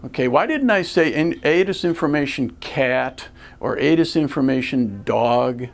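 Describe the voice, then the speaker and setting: A slow, teacherly American man gives a step-by-step lesson to camera as a flight school ground instructor, using rhetorical questions. His voice is medium in pitch, expressive, and has vocal fry. It was recorded in an indoor studio through a lavalier on his shirt.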